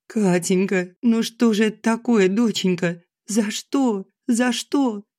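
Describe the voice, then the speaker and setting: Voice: mid-range voice, slow, warm tone, voice pushed up, natural voice. A narrator voicing an aggrieved middle-aged wife who complains shrilly and sarcastically through tears, in an audiobook. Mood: wailing. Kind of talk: audiobook character reading.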